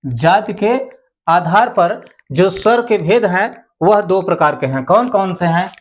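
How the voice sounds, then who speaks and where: A man's voice: high voice, lively intonation, measured pace. A male teacher giving an exam-prep grammar lesson, repeating key terms and asking rhetorical questions.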